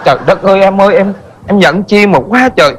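An actor playing an exhausted, overworked singer husband who complains in a stage comedy sketch. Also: male voice, high-pitched, quick pace, heavy background noise, close to an everyday voice. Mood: complaining. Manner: whiny, complaining. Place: television studio stage.

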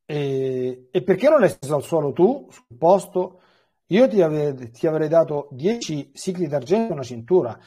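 Man reading a brusque, impatient commander, husky, dark tone. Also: a little high, big pitch swings, moderate pace. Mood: indignant. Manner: brusque, challenging questions. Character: hard, impatient army commander.

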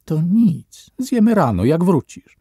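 A man doing a worried mother in an audiobook who keeps softly insisting. her voice is pushed up high over the reader's low, dark tone, with a gravelly edge in a dry room. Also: big pitch swings, slow pace, dry recording, full character voice. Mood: coaxing. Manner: pleading, softly persistent. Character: anxious, insistent mother in a wartime shelter, woman.

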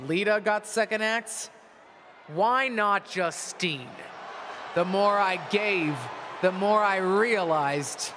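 An actress playing a bitter, proud middle-aged wrestling legend in a video game, delivering a taunting, theatrical wrestling promo. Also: female voice, medium pitch, natural voice. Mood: boastful, defiant. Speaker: returning wrestler, former champion and manager. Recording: arena ambience noise behind voice.

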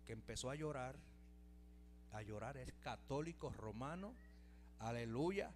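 A man's voice: medium pitch, expressive, unhurried, slight background noise. A middle-aged Puerto Rican man preaching a fervent testimony in church, peppering his words with hallelujahs. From Puerto Rico. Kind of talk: evangelical sermon testimony.

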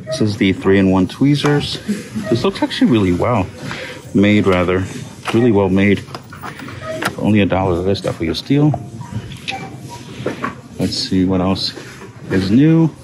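Walking through a big discount store, a vlogger narrates casually and reads labels off products. His deep voice has a sing-song lilt, a measured pace and frequent pauses, picked up by a handheld phone camera along with the store's background sound.

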